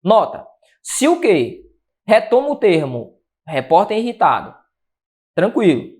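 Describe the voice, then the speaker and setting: Energetic exam-prep teacher. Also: male voice, high-pitched, measured pace. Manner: energetic, asks and answers his own questions. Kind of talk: lively exam-prep lecture.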